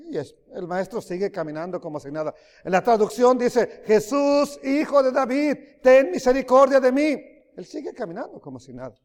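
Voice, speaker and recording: A man preaching a sermon, emphatic, swinging between loud rises and quiet drops, often asking his listeners questions. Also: very high-pitched. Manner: emphatic, rising and dropping loudly, asks the audience questions. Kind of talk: sermon teaching. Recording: long hall reverb.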